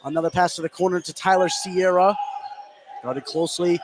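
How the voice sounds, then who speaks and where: A high-pitched man with a steady tone calls live basketball play-by-play a little fast, working courtside in an indoor gym. Behind him are game noise, a bouncing ball, and the noisy ambience of the gym.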